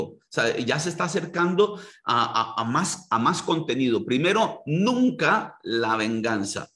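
A man delivering a church sermon in a fairly high voice. He stumbles and repeats words as he reaches for the next phrase, then presses his points with growing heat. The preaching is streamed online from a church. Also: fairly bright tone. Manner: repeats words while searching, rising to heated emphasis. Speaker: pastor.

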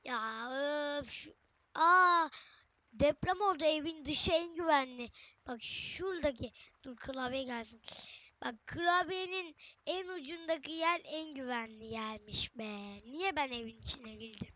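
A woman's voice: high voice, animated, unhurried, pushed and bright, dry recording, highs cut off. A young woman giving casual, chatty gameplay commentary, often exclaiming and talking straight to her viewers. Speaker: gaming channel host.

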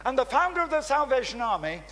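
A man in his seventies preaching a fervent, emphatic sermon with a handheld mic in a large church hall, pausing for an interpreter. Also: very high-pitched, very animated, sharp tone. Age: 70s. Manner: fervent, emphatic, exclaiming hallelujah. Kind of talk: sermon in English, interpreted line by line. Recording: long reverb of a large hall.

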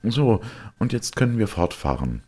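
A man voicing an excitable, gloomy male time traveller in an audiobook, speaking with raised, urgent insistence. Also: on the low side, moderate pace, pitched above the performer's own voice. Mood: insistent. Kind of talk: audiobook character reading.

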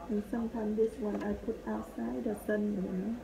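A woman's voice: medium pitch, steady tone, moderate pace, gravelly, a crowd in the background. A woman running a nail salon, speaking in clipped, non-native English with a customer. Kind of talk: casual conversation with a customer. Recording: muffled audio in a busy room.

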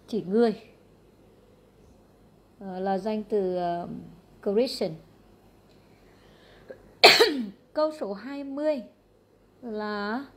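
Brisk Vietnamese woman teaching English. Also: fairly high pitch. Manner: brisk, matter-of-fact, repeats question numbers. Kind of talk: going through exam answers.

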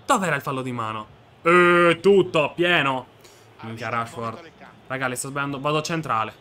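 A young man with a dry, sore throat, commentating on his own football video game match, muttering one moment and shouting the next. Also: medium pitch, brisk, noisy background. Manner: swings from muttering to shouting at goals. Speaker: gaming video creator.

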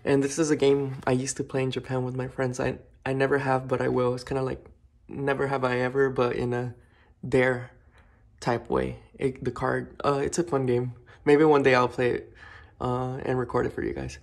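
With a gravelly, monotone voice of medium pitch and a moderate pace, a twenty-something vlogger chats his way through a tour of his home. The talk is relaxed and packed with fillers, shot indoors on a phone held in his hand.

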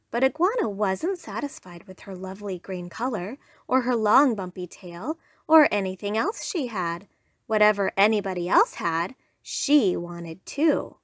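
A woman storyteller reading a children's bedtime story with lively, expressive narration. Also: mid-range voice, no room sound, clean studio sound.

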